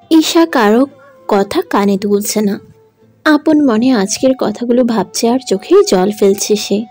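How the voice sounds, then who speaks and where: A woman's voice: on the high side, warm tone. A woman narrating a romantic audio drama in an emotive, dramatic manner. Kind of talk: scripted story narration.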